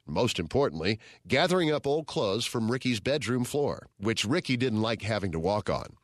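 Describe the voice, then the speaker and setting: A man reading a children's story aloud in a steady, gentle storytelling manner. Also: medium pitch, no room sound, clean studio sound. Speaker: story reader. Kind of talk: scripted storybook narration.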